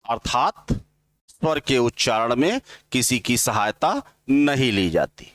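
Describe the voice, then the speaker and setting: A man teaching grammar in an exam-prep lecture, dictating slowly and repeating each line so students can write it down. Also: medium pitch, animated, a bit bright, no room sound. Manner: slow dictating, repeating lines for notes; spells out vowel sounds one by one.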